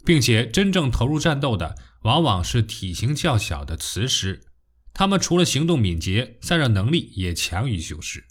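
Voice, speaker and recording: A man narrates popular science in the manner of a nature documentary. His mid-pitched voice moves through very animated rises and falls, stressing key phrases like a storyteller. The delivery is scripted and expressive. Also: moderate pace, slightly rough. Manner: storytelling, with rhetorical questions and expressive emphasis.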